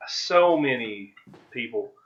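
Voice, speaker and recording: A man with a mid-pitched voice hosts a video commentary. He tells stories in a loose, informal, rambling way, and the recording is somewhat dull and lo-fi. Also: lively intonation, slow pace. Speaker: video host. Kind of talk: casual commentary over own footage. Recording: dull, lo-fi microphone audio.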